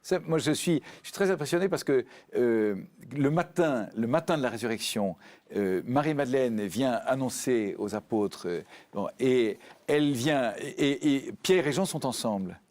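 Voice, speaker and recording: A man's voice: medium pitch, lively intonation, normal speed, a little mellow. A man speaking earnestly as a guest in a spiritual radio discussion, often repeating words as he searches for them.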